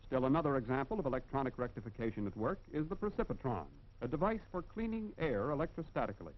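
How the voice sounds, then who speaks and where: A man's voice: mid-range voice, very animated, quick pace, a little hiss or hum. An American man reads scripted narration for a 1940s industrial film in a formal, instructive and emphatic manner. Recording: dull, band-limited vintage film soundtrack.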